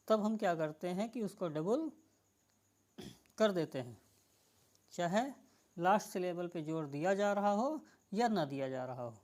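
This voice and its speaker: Slow, soft-toned woman teaching. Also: medium pitch. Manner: slow explanatory teaching, addresses viewers as friends. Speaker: English teacher. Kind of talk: spelling lesson for exam students.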